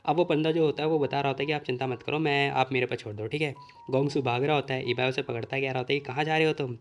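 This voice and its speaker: Fast-talking man recapping a comic story. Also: mid-range voice, fairly even intonation, faint music behind. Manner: retells the plot, quoting the characters' lines in his own plain voice. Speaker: manhwa recap narrator. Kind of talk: casual story recap narration.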